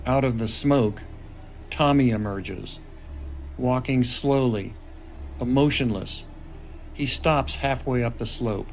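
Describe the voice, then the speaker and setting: At a screenplay table read, a man reads the stage directions as scripted dramatic narration. His voice is medium-pitched, slow and full of pauses, and the room recording is noisy.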